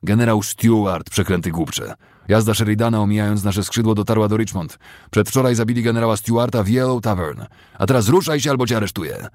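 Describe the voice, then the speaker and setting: A man's voice: on the low side, a little fast, dry recording, studio quality, voice pushed up, lightly acted. A man voicing a bearded, contemptuous Confederate cavalry captain who barks orders, in an audiobook reading. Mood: scornful. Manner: barking, shouting orders.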